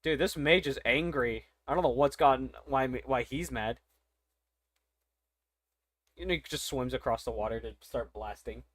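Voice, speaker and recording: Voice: mid-range voice, moderate pace, long pauses, no echo. A young adult gaming streamer chatting casually and muttering reactions over gameplay.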